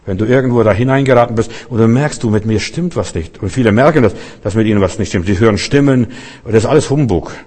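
A man's voice: fairly low pitch, quick pace, darkish tone. A male pastor preaching a sermon and leading a closing prayer, emphatic and repetitive, speaking straight to his listeners. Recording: long hall reverb.

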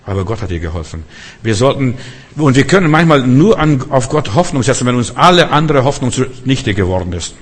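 An older man preaching a sermon, telling a story and acting out the people in it, moving from soft to emphatic. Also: medium pitch, sing-song, a little fast, breathy edge. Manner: storytelling preacher, acts out quoted voices, swings from soft to emphatic. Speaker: pastor. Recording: long hall reverb.

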